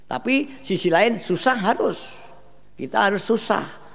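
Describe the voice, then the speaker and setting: A man's voice: high voice, big pitch swings, unhurried, gravelly, a bit bright. A man preaching a sermon at a large outdoor gathering, with a rising and falling cadence and mixed in.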